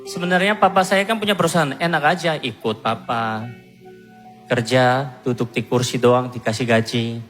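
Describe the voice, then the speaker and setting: Korean-born man giving a lively church testimony. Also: medium pitch, moderate pace, big-room sound, faint music behind. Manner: animated, self-mocking storytelling with laughs. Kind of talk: personal testimony to a congregation. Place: church hall.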